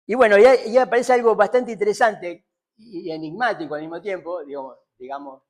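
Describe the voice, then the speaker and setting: A man's voice: high-pitched, brisk. A man giving a seminar lecture on psychoanalysis, thinking aloud with many fillers and repeated tag questions.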